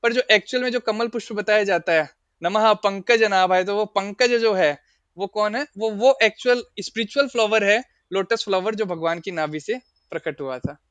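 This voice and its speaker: A man's voice: sits high, moderate pace, a bit bright, clean tone, no room sound. A man teaching a scripture class, explaining verses at length and asking his listeners questions. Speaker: spiritual teacher.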